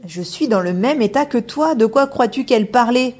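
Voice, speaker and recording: A woman voicing a gentle, curious male ghost in an audiobook, soft and thoughtful. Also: on the high side, expressive, normal speed, breathy edge, highs cut off, pitched above the performer's own voice. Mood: dreamy. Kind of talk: audiobook character voice.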